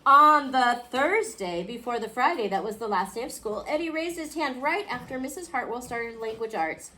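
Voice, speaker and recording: A woman reading a picture book aloud to a class, expressively, pausing to question her young listeners. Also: fairly high pitch, animated, pushed and bright. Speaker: children's storybook reader. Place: indoor school classroom. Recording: clearly noisy classroom recording.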